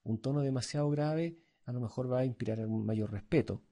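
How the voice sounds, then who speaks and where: A man with a Chilean accent lecturing as an instructor, halting and full of fillers and tag questions. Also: medium pitch, mellow. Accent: Chilean Spanish. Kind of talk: recorded lecture.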